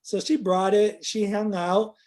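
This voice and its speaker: A man's voice: high-pitched, unhurried. Rambling middle-aged storyteller man. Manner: rambling, many fillers, lively when quoting others. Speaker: interview guest. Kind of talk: casual storytelling.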